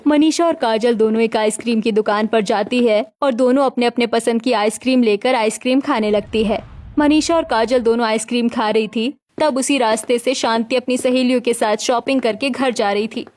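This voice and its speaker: A woman narrating a cartoon story in a steady, plain way. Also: on the high side, normal speed.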